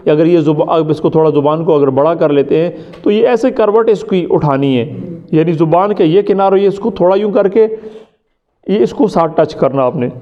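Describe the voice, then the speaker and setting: A man from Pakistan teaching Quran recitation in class. He drills each sound by repeating it, quizzes his students and keeps checking that they follow. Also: on the high side. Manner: often checks understanding with "ٹھیک ہے؟". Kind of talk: classroom lesson. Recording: muffled lo-fi recording.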